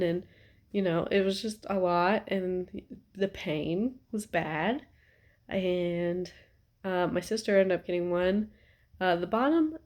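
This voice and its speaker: A young female vlogger chats casually to the camera from her couch at home, rambling with lots of "um"s and "like"s. Her voice is on the low side with a darkish tone, and she sounds a bit stuffy-nosed.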